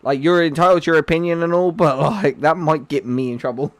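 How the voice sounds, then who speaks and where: Speaking fairly quickly in a slightly high voice, this man hosts a gaming livestream, bantering and joking casually with viewers and calling out chatters by name. The recording is dry.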